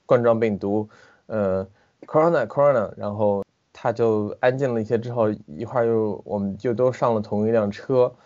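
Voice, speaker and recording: Speaking from his city home over an internet call, a film director with a lowish voice talks casually and animatedly at a normal speed during an interview. He hesitates often and keeps restarting his sentences. The sound quality is lo-fi.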